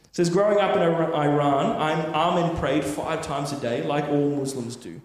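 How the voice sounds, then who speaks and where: A man with a slightly high voice preaches a sermon at a normal pace, telling a story earnestly and conversationally with lots of tag questions. The recording is from an echoey hall with long reverb.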